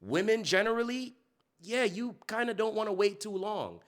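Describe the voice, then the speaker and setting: A man's voice: high-pitched, expressive, normal speed, a bit bright. A man giving blunt, opinionated views in casual slang during a roundtable chat.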